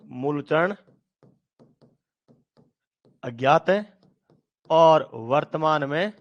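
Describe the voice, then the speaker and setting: A male teacher giving a phonetics lesson, asking questions and answering them himself, repeating sounds slowly. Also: fairly high pitch, lively intonation, lo-fi sound. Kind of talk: Hindi grammar lesson.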